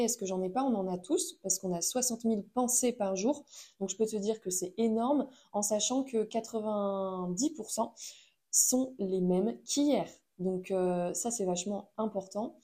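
A woman's voice: mid-range voice, warm tone. A woman giving a casual motivational talk in French, chatty and addressing the listener directly, with frequent fillers.

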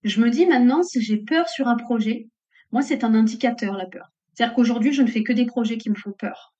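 Here a middle-aged female entrepreneur, speaking as an interview guest, reflects earnestly in relaxed conversation. Her voice sits on the high side, with a somewhat quick pace and a darkish tone, captured in muffled lo-fi audio.

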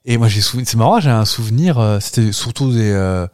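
A man's voice: lowish voice, lively intonation, brisk, a little mellow, dry recording, clean studio sound. A man co-hosting a podcast, chatting casually and making jokey wild guesses. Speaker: podcast co-host. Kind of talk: casual banter.

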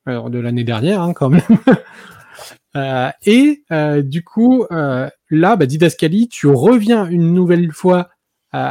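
A man's voice: a little high, dark tone, no room sound, studio quality. A man hosting a casual chat, talking loosely with lots of fillers. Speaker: host.

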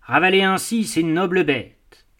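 A man's voice: sits high, measured pace, fairly bright tone. A man voicing a boastful, blustering middle-aged hunter in an audiobook, speaking in an indignant, declamatory way. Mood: outraged. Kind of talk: audiobook dialogue reading.

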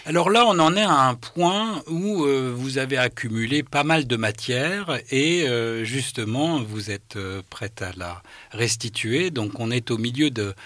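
A man's voice: medium pitch, lively intonation, unhurried, few pauses, a bit bright, no room sound. A man hosting a radio interview, talking with many hesitations and filler sounds. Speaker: radio host. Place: radio studio.

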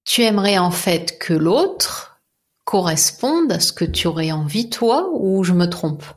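A woman hosting a podcast, asking her guest gentle, probing questions. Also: on the low side, sing-song, a little slow. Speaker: podcast host. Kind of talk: interviewing a guest.

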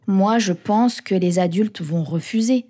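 A woman narrating a children's storybook in an expressive, playful first-person voice. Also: mid-range voice, measured pace, breathy edge.

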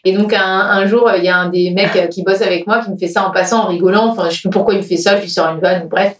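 A woman's voice: medium pitch, fast talker, roomy sound, recorded from a distance. A woman hosting a casual podcast chat, telling travel stories with lots of laughter. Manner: animated storyteller, laughs often. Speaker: podcast host.

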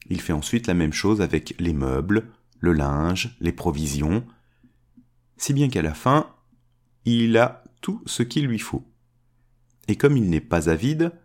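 Reading a fairy tale aloud, this somewhat mellow-voiced man changes pitch so every character gets a voice of its own.

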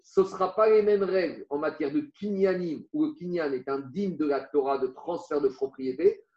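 A man's voice: a little high, moderate pace. A man teaching a Talmud class to students, explaining with rhetorical questions and Aramaic terms mixed into his talk. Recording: roomy, dull lo-fi class recording.

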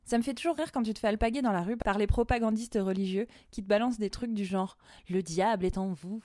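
A woman's voice: fairly high pitch, quick pace, warm tone, no room sound, clean studio sound. A woman hosting a tarot podcast in a casual, playful way, slipping English slang into her talk. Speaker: podcast host and tarot reader.

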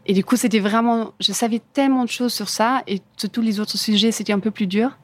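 A woman with a fairly high, fairly evenly intoned voice speaks fairly quickly in a dry recording. She is a German-accented furniture designer from Germany, a native German speaker casually answering interview questions about her career in imperfect French while often searching for words.

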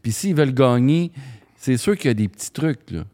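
A man hosts a podcast, speaking at a middle pitch. He prompts his guest with easy questions and chimes in with quick agreement. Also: lively intonation, mellow. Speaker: podcast host. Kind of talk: casual interview chat.

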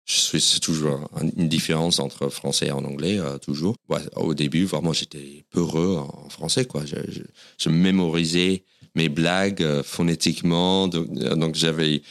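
A man's voice: very deep voice, fairly even intonation, moderate pace. A man with an American accent, whose first language is English, speaking French as a comedian guest on an interview podcast and telling his stories in a self-deprecating way. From United States.

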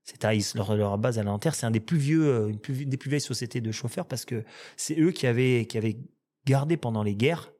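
Man, french accent, rapid-fire, rambling storyteller, casual chat, lots of restarts. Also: medium pitch, dark tone. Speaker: restaurant owner and guest.

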